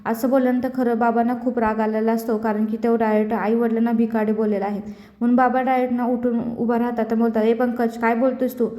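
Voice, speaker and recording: A woman's voice: a little high, flat delivery, fast talker, mellow. A woman casually retelling a TV serial episode in a chatty, loose storytelling manner. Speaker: serial recap narrator. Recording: echoey room.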